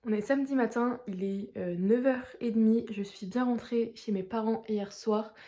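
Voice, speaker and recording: A young woman from France chatting casually to camera in a personal vlog, excited and full of fillers. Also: a little high, normal speed, loud music behind the voice. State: just woken up, tired. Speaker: vlogger.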